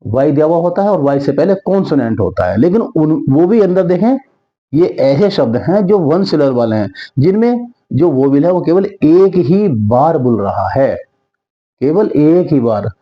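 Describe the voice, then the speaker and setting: A man with a fairly high voice teaches a grammar lesson. He stretches words out and repeats examples so they stick. The recording sounds a little dull and lo-fi. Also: sing-song. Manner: slow, emphatic, repeats words to drill them. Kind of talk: Hindi-language grammar lesson.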